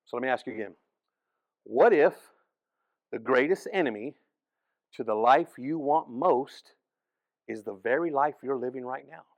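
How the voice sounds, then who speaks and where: A man preaching as pastor, telling the story in an animated way, acting out the people in it and restarting phrases often. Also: mid-range voice, moderate pace, pauses often, no echo, lo-fi sound. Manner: animated storytelling, acts out voices, frequent restarts. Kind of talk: sermon.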